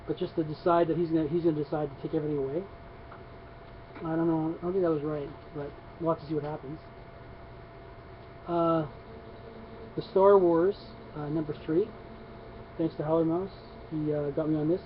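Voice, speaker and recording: A man's voice: on the high side, steady tone, fairly quick, pauses often. A man talking casually on camera about his comic book pickups, rambling with many restarts and fillers. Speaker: comics vlogger. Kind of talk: casual comic haul video. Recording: dull lo-fi sound with faint noise.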